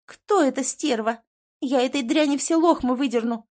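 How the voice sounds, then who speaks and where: A woman voicing a capricious, clingy young woman in an audiobook, with a pouty, whiny, shrill manner. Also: normal speed, a little mellow, lightly acted. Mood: shrill, angry. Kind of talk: audiobook character voice.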